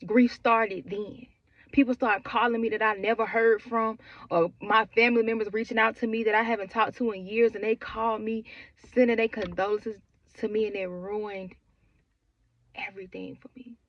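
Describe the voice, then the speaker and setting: A woman in her twenties tells her own grief story in a raw, conversational way, repeating herself and filling with lots of "like." Her voice is a little high and steady at a moderate pace, on a dry recording with the highs cut off.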